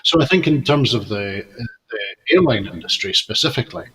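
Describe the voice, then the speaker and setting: A man giving political commentary as a news guest, measured and hesitant with many restarts. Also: lowish voice, expressive, sharp tone, husky, recorded from a distance, low-quality recording.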